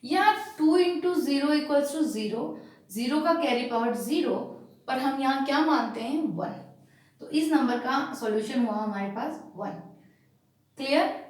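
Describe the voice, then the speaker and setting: Slow, high-voiced woman teacher. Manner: asks checking questions and answers them herself; slow and emphatic when spelling out digits. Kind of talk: classroom lesson on binary numbers. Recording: echoey room, far from the mic.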